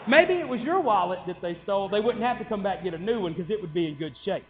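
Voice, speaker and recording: A man's voice: sits high, expressive, quick pace. A man giving a heated, sarcastic public comment speech at a city council meeting, driving his points home with repeated questions. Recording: tinny, echoey hall with mains hum.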